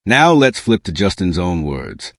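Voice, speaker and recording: A man's voice: deep voice, sing-song, unhurried, gravelly, fairly bright tone, no room sound, studio quality. A man delivering scripted celebrity exposé commentary as an online host, in a slangy, incredulous, smug and sarcastic manner.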